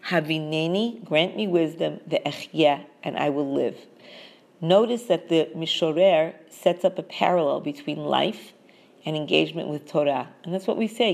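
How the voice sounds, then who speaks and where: A woman giving a measured scripture lesson, reading each verse in Hebrew and then explaining it in English. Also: low-pitched, gravelly. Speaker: Torah teacher.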